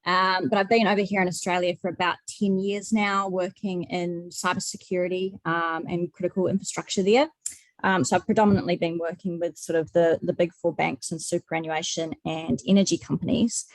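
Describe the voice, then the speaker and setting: A woman's voice: on the low side, level tone, a little fast, no room sound, low-quality recording. A woman with a New Zealand accent introducing herself on a video call, chatty and self-deprecating. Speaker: meeting participant.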